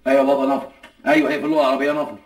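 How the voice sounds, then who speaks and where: A middle-aged man with an Egyptian accent playing a fussy, pedantic family father who lectures in a rapid, lively flow. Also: mid-range voice, close to an everyday voice. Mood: lecturing.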